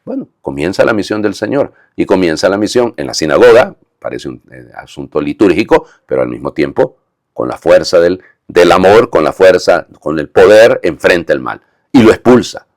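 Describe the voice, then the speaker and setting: A man's voice: low-pitched, very animated, normal speed, a little mellow, dry recording, studio quality. A male priest giving a homily, explaining the text with frequent tag questions and emphatic delivery.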